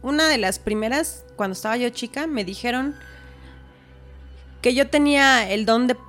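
A woman's voice: a little high, normal speed, faint music behind. A woman, a podcast guest telling a personal story in casual talk, acting out what others said. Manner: animated, acts out quoted dialogue.

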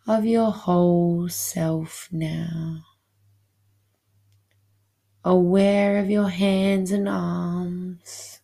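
A woman guiding a hypnosis session, speaking softly and soothingly, at times drifting into a whisper. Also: mid-range voice, creaky. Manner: slow, soothing, hypnotic delivery.

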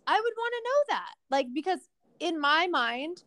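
A high-pitched young woman talking fast and loose on a podcast, full of "like" and quick asides. The sound is dry and close, with no room around her. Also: no echo. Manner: chatty, animated, lots of "like". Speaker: podcast co-host. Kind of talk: casual podcast chat.

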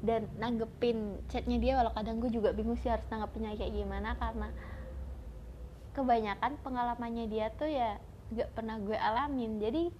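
A woman's voice: a little high, a little mellow, poor audio. A young woman rambles reflectively in informal slang, as the host of a casual personal podcast. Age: young adult. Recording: noticeable background noise.

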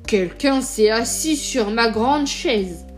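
A big, displeased papa bear booms out his complaints, as a woman reading a storybook puts him on. The voice stays fairly high for a bear. The words come loud, slow and grumbling. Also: lively intonation, soft background music. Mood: gruff. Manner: booming, grumbling.

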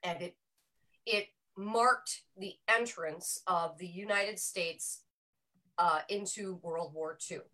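Woman, bright and clear voice, chatty film talk, self-correcting, small group recording. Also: fairly low pitch, slow, poor audio. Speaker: panel member presenting a film pick. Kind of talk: casual film discussion. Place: small room with a group around one mic.

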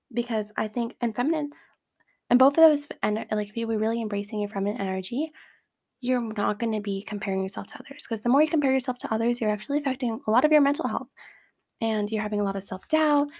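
A woman hosting a casual advice talk, speaking in a chatty way with lots of fillers like "like.". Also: fairly high pitch. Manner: acts out quoted remarks in a brighter voice. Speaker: host giving advice.

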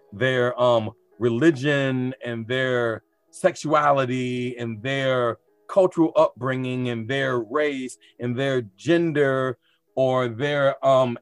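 A man in a relaxed interview, an experienced teacher who talks freely and reflectively and breaks into animated, slangy asides. His voice sits at an ordinary middle pitch. Faint music plays in the background. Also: no echo. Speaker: teacher of high school students. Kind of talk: casual interview conversation.

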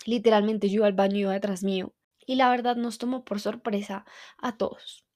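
A woman, hosting a podcast and telling a personal story in a reflective, heartfelt, halting way. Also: mid-range voice, little pitch movement, mellow. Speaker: podcast host.

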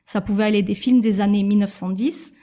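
A woman in her thirties co-hosting a casual podcast, explaining things in a measured way with soft hesitations. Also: medium pitch, fairly even intonation. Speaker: podcast co-host.

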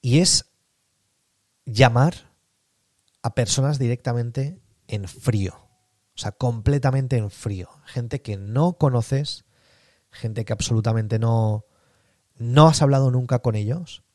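A man's voice: mid-range voice, a little mellow, no room sound, studio quality. A man with a Spain Spanish accent, hosting a podcast sales lesson and stressing key points by repeating them. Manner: acts out sales calls in quick bursts. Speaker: sales coach host.

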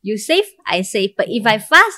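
A woman's voice: on the high side, big pitch swings, normal speed, pushed and bright. Singaporean woman bantering in Singlish. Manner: colloquial Singlish with sentence particles. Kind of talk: casual chat, playful banter.

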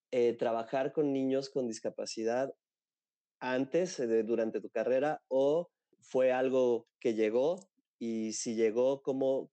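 A man's voice: medium pitch, dark tone, dry recording. A man with a Mexican accent interviewing, asking long questions full of fillers and restarts. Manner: hesitant questions with many fillers.

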